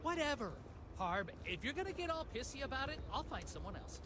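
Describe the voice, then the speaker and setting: An actor playing an impatient customer who demands a repair right now, in video game dialogue. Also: male voice, very high-pitched, sing-song, brisk, noisy background. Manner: pushy and huffy.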